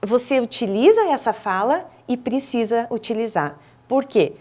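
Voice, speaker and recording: A woman with a Brazilian Portuguese accent speaks as a guest expert on a studio talk show, her voice sitting a little high. She explains things in a teacherly way, stopping on small hesitant fillers and starting phrases over as she goes. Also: expressive, moderate pace, a little mellow. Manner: didactic, with frequent hesitant fillers and restarts. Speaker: speech therapist and professor, interview guest. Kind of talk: explanatory interview answers. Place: television studio.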